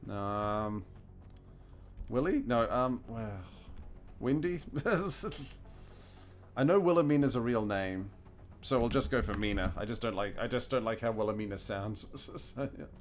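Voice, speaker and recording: Soft music sits under this Kiwi streamer as he chats casually through a video game, chuckling a lot and thinking out loud. His voice is on the low side and expressive, with a measured pace.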